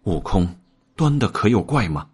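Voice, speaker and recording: A man's voice: fairly low pitch, big pitch swings, normal speed, husky, heavily acted. A man voicing a mild, trusting old master monk in a told story. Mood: concerned.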